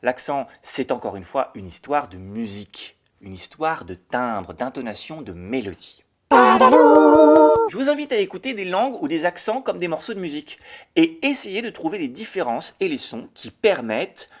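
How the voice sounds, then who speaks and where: A man hosting a children's educational show, explaining things in a playful, animated way. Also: mid-range voice, normal speed. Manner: animated, sing-song and playful. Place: home.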